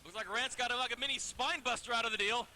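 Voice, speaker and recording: A man's voice: very high voice, fast, bright, forceful tone, a little hiss or hum. A man giving wordy colour commentary on wrestling, full of wry asides.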